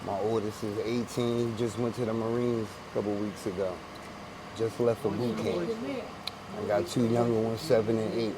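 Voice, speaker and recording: In a low-quality outdoor recording with crowd noise and passersby on a busy city street, a Philadelphia man in his forties gives an interview. He speaks in a fairly low voice with little pitch movement at a moderate pace, using street slang and often repeating and restarting.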